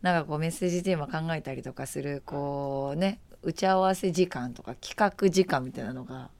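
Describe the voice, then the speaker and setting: A woman's voice: low-pitched, brisk, darkish tone. A woman hosting a casual after-show chat, rambling along with many fillers and easy laughs. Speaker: radio show host.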